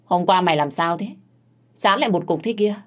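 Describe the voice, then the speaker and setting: A woman's voice: on the low side, a little fast, lightly acted. A woman doing a scolding head servant. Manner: scolding, curt orders. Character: bossy middle-aged woman head servant.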